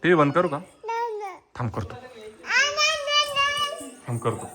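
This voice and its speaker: A man's voice: medium pitch, measured pace, crowd noise. A father at home chatting casually and teasingly with his toddler during a family vlog. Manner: teasing, relaxed talk to a toddler.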